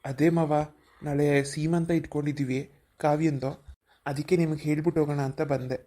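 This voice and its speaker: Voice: medium pitch, steady tone, a little fast, mellow, lightly acted. A voice actor playing a polite, respectful young village man in a cartoon. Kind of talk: cartoon voice acting.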